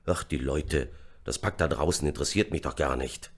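A man's voice: very deep voice, normal speed, voice pushed down. A man putting on a gleeful callous soldier. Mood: dismissive. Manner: jeering, cheerful about killing. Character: gleeful callous young male soldier, grinning.

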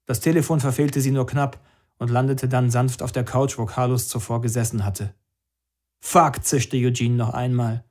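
A man narrating a story in the first person. His delivery is dry and understated and keeps an even pitch. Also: moderate pace. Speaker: audiobook narrator.

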